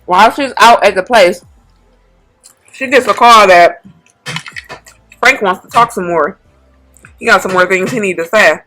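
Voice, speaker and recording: A woman hosting a mukbang, casually retelling a story in a relaxed, slangy way with lots of fillers. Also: medium pitch, measured pace, long pauses, soft background music. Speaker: mukbang channel host. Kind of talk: casual storytime while eating.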